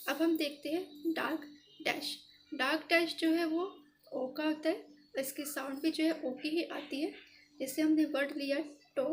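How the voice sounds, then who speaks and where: A woman's voice: sits high, a little hiss or hum. A woman explaining a shorthand lesson step by step, patient and repetitive, pointing out each stroke. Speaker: shorthand teacher.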